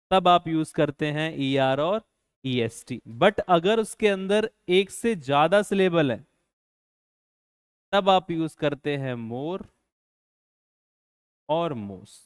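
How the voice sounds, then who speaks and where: A man's voice: on the high side, smooth, no echo, clean studio sound. A man teaching a grammar lesson, asking his students rhetorical questions and repeating key points. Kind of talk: classroom-style grammar lesson.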